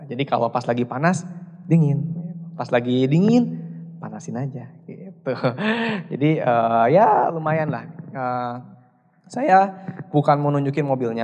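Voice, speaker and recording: A man's voice: mid-range voice, a little mellow. Young man giving a seminar talk in a hall. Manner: chatty, asks the audience questions, acts out quoted dialogue. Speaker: business seminar speaker. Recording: long hall reverb.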